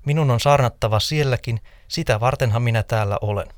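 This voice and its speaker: A man reading scripture voices a calm, authoritative male teacher, barely shifted from his own reading voice. He speaks in a measured way, recorded dry and close. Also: mid-range voice, no echo, close to an everyday voice.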